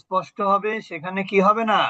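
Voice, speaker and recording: High-voiced man teaching Quran recitation. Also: fairly even intonation, brisk, sharp tone, no echo, lo-fi sound. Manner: patient, repeats points and quizzes students. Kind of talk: online tajweed lesson.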